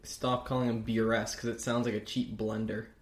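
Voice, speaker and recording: A man co-hosting a podcast with his brother, teasing and making quick jokes. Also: fairly low pitch, flat delivery, reverberant. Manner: teasing, wisecracking. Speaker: podcast co-host. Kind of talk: casual chat.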